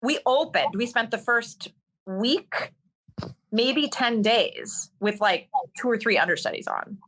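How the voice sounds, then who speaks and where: This interview guest, a woman who acts on stage and sings, tells stories in a chatty, casual way, with many ums, fillers, and restarts. Her slightly high voice has lively intonation and a fairly bright tone, and she takes her time; the recording is rough.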